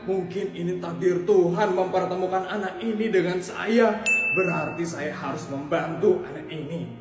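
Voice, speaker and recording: A man voicing a kind, poor man who speaks softly and sympathetically in a comedy sketch voice-over. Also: high-pitched, normal speed, close to an everyday voice. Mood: sympathetic. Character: kind-hearted poor man, soft and pitying. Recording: echoey with loud background music.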